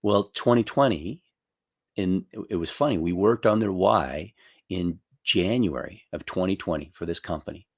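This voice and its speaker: A man's voice: normal speed, breathy edge, no room sound, studio quality. A middle-aged man giving a motivational talk as a speaker, telling stories in a loose, chatty way with restarts. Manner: storytelling, acts out quoted voices with jumps in pitch. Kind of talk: conversational keynote talk.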